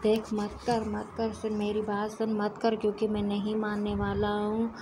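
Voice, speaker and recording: A woman's voice: medium pitch, monotone, moderate pace, noisy background, natural voice. A woman reading out an annoyed young man.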